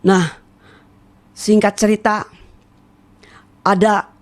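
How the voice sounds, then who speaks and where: A woman giving a church testimony about her past as a shaman, telling it in a lively way and acting out the people she quotes. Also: medium pitch, extremely slow. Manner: animated storytelling, acting out quoted voices.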